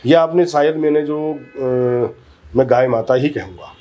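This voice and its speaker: A man's voice: on the high side, a little slow, background noise. A man as a guest in a heated political interview, talking emphatically, arguing his points and often cutting in over the interviewer. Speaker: interview guest, community leader.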